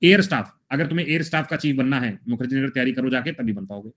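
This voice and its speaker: A man's voice: mid-range voice, quick pace, highs cut off. A man teaching a general knowledge class, repeating memory tricks and calling on his students as brothers. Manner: drills mnemonics with repetition, addresses students as brothers. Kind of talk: live online GK class.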